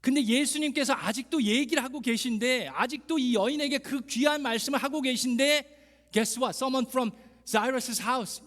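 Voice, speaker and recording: A man's voice: extremely high pitch, a little slow, fairly bright tone. A man preaching a sermon as pastor, telling the story dramatically and asking the congregation emphatic questions. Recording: long reverb of a church hall.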